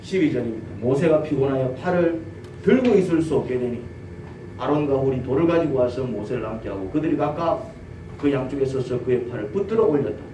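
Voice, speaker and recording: A male pastor with a Gyeongsang accent preaching a sermon, telling the story lively and asking his congregation questions. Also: mid-range voice, fairly quick. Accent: Gyeongsang Korean. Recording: roomy church audio from a distance, faint noise.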